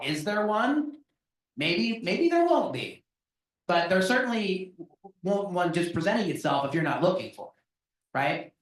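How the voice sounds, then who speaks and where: A man hosting an online talk, speaking conversationally with many "right?" tags and restarts before opening the floor to questions. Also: a little high. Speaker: host and moderator. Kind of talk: webinar talk and Q&A moderation. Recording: very echoey room, distant from mic.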